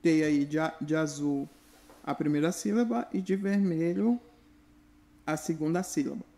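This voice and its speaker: A man's voice: on the high side, a little slow, warm tone. A man, giving a direct, instructive video lesson to the viewer. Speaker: religious teacher.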